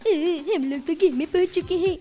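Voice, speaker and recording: A man doing Shinchan, a squeaky cartoon boy. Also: a little fast, dark tone, soft background music. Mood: scared. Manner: squeaky, whiny when scared. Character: cheeky little boy, playful and mischievous. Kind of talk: cartoon voice over gameplay.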